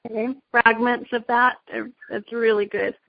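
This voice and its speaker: A woman's voice: a little high, level tone, normal speed, vocal fry, no room sound. A woman teacher answering questions in a casual discussion, friendly and often hesitating with fillers. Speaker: teacher giving advice. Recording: dull dry lo-fi sound.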